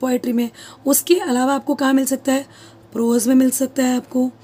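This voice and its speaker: Woman teacher, high but mellow voice, repetitive question-and-answer delivery. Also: flat delivery, brisk, husky. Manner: asks questions and answers them herself, repeats key terms. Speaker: English teacher. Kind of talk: classroom-style lesson.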